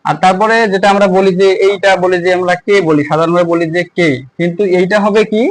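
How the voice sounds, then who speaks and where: A young man with a fairly high voice gives an English lesson, pausing and repeating words as he explains each letter. The sound is close and dry, with no room echo. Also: steady tone. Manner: halting, repeats words while writing on a board. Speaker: English teacher. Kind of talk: spoken language lesson.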